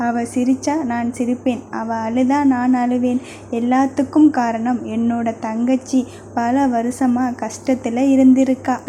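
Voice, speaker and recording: Female narrator playing a blunt protective brother; flat, dark delivery. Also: on the high side, slight background noise, lightly acted. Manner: blunt, curt replies. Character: stern, protective young man, an older brother. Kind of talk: audio novel reading.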